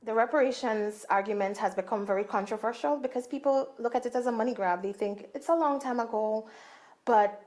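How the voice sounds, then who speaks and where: A woman giving an explanatory comment in a news interview, pausing to correct her own words. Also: a little high, darkish tone.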